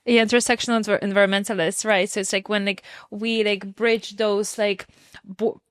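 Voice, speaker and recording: A woman hosts a podcast interview in front of a small audience. She talks in a chatty, enthusiastic way, filling her sentences with "like." Her pitch sits in the middle, and the close sound is dry. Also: level tone, normal speed, smooth, dry recording. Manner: enthusiastic, chatty, heavy use of "like". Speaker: podcast host. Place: podcast recording before a live audience.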